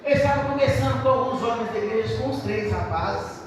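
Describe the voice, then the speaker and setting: A woman's voice: fairly high pitch, brisk. A woman with a Brazilian Portuguese accent preaching a sermon, emphatic and repetitive, asking the congregation rhetorical questions. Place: church hall. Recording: echoey church hall, distant mic, faint noise.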